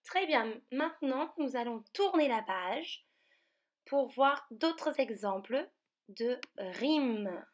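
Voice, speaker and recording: A woman teacher from France leads a remote lesson for young children. She speaks slowly and carefully, drawing out each word, and her voice sits a little high. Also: expressive. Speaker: primary school teacher.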